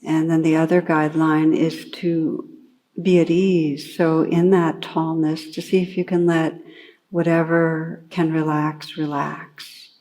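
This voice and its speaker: Leading a guided meditation, a woman teacher speaks in a low-sitting voice. She is calm and unhurried, offering gentle instructions separated by long pauses.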